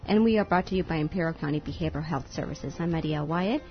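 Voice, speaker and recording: Female host, brisk pace, upbeat greeter, dull radio sound. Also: deep voice. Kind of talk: upbeat radio show opening.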